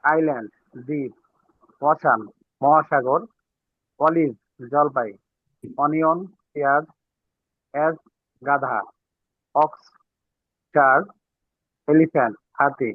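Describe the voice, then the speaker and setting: Student slowly reading words over tinny line. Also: male voice, fairly high pitch, fairly even intonation, dry recording. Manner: reads a word list slowly aloud. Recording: tinny phone-like call audio.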